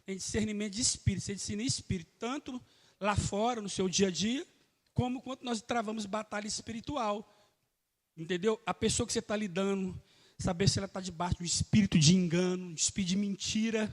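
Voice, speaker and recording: A pastor with a high male voice preaches a live sermon in a reverberant church hall, speaking fairly quickly. He's emphatic and calls out to the congregation.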